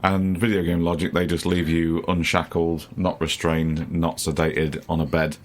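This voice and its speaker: A man's voice: low-pitched, little pitch movement, moderate pace. A man co-hosting a casual podcast chat, swearing freely, laughing often and acting out quotes. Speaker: podcast co-host.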